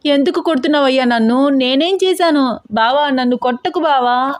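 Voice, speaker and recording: A woman reading a storybook aloud and voicing a panicked young man who cries and begs in a high, wailing voice. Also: moderate pace, no room sound, clean studio sound, natural voice. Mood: terrified pleading. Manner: wailing, pleading, high-pitched.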